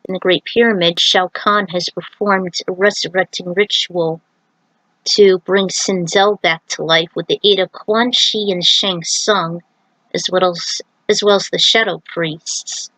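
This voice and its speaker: A woman reads her own fan fiction aloud informally, stopping for chatty asides and recaps. Her voice is on the low side, steady, unhurried and a bit bright, captured in a dry, low-quality recording.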